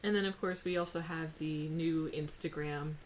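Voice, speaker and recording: A woman co-hosting a relaxed audio chat, teasing her partner in a playful, chatty way. Her voice sits a little low for a woman, with faint noise in the background. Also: moderate pace, rough recording. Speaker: co-host. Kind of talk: casual chat.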